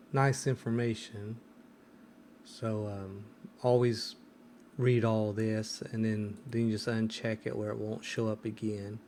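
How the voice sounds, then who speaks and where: A man's voice: fairly low pitch, darkish tone, slight background noise. A man hosting a casual screen-recorded tech tutorial, hesitant and full of ums and restarts. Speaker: tech video host.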